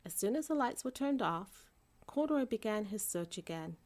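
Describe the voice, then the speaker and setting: Female storybook reader, mid-range pitch, expressive read-aloud delivery for young children. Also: normal speed. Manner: expressive storytelling, character voices for dialogue.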